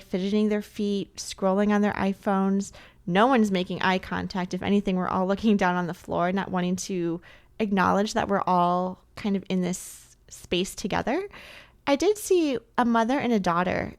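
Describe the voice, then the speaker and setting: A woman hosting a podcast, talking through a candid, reflective personal monologue. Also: mid-range voice. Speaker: podcast host.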